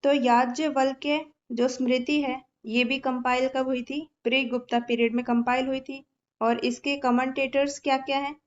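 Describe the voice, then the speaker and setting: A woman's voice: sits high, level tone, moderate pace, dull audio. A woman teaching an exam-prep lesson, explaining patiently with memory tricks and often checking in with her students.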